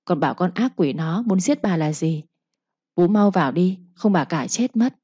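A young servant girl, anxious and quick-tongued, pressing her words with urgency, as a woman puts her on. The voice is dark and husky. It comes through a dull, lo-fi recording. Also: fairly low pitch, lively intonation, no room sound. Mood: urgent.

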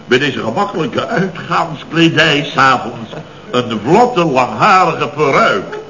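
In a dull old recording of 1970s radio comedy, an actor with a Netherlands Dutch accent plays a blustering, put-upon, middle-aged building contractor boss recounting mishaps. His medium-pitched male voice is animated, pushed and bright, and he takes it slowly. He sounds indignant and sarcastic, spinning out long-winded stories with exasperated emphasis.

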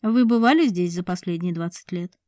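A woman voicing a calm grown man who asks questions in a slow, measured, soft way. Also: lowish voice, dry recording, clean studio sound, close to an everyday voice. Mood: probing.

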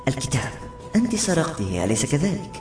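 A man's voice: fairly high pitch, sing-song, quick pace. A man voicing a stern, commanding young noblewoman who threatens and accuses, in a storybook reading. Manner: domineering, threatening. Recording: roomy echo with faint music.

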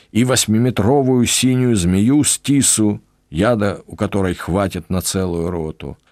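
A man's voice: mid-range voice, a little mellow, no echo, studio quality. A man voicing a cheerful, knowing male jungle guide who talks in an upbeat, matter-of-fact, folksy way.

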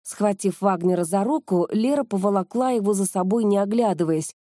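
A woman narrates an audiobook from a script in a steady, measured storytelling manner. Her voice is mid-range, and the studio sound is clean with no echo.

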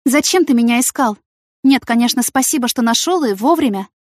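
A woman voicing an impulsive, excitable young heroine who talks emotionally and in rushes. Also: a little high, no echo, clean studio sound, pitched above the performer's own voice. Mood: flustered.

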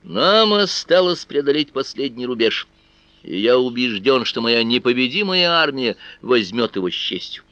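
A man's voice: medium pitch, sing-song, moderate pace, pushed and bright, no room sound. A man voicing a commanding conqueror king who rallies his troops in a declamatory tone. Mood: rousing. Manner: rousing, declamatory. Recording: dull, slightly muffled recording.

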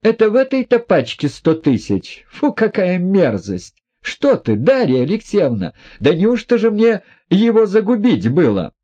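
A man's voice: sits high, huge pitch swings, measured pace, hardly any pauses, dark tone, muffled recording, voice pushed up, heavily acted. A man reading an audiobook, voicing a proud, reckless young woman who talks in a mocking, defiant way. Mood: defiant scornful.

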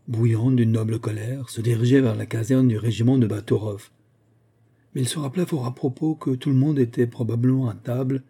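A man reading a novel aloud as an audiobook narrator, in a measured, unhurried way. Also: mid-range voice, mellow, breathy edge. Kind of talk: scripted narration.

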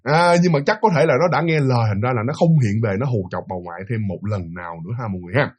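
A man with a Southern Vietnamese accent telling a ghost story in an animated, emphatic way, throwing rhetorical questions at his listeners. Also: medium pitch, racing, slightly rough. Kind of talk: spoken ghost story narration.

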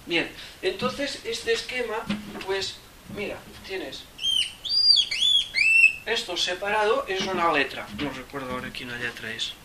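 A man's voice: high voice, animated, measured pace, long pauses. A man with a Catalan accent teaching theosophy informally to a small group, rambling and asking "¿eh?" often. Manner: rambling, asks "¿eh?" again and again, thinks aloud. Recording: distant mic with faint noise.

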